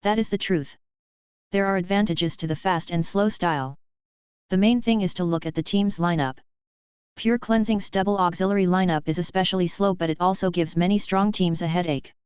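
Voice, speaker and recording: A woman's voice: fairly low pitch, a little fast, a little mellow, clear, resonant tone, no room sound, dull audio, natural voice. A woman voicing a cheerful, sincere young male team captain in an audiobook. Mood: friendly. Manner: friendly, sincere, encouraging.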